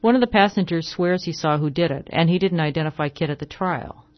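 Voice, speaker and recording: A reader voicing a calm young male deputy marshal in a western story reading, speaking softly and evenly without emotion. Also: mid-range voice, fairly quick, highs cut off, close to an everyday voice. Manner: soft, even, without emotion.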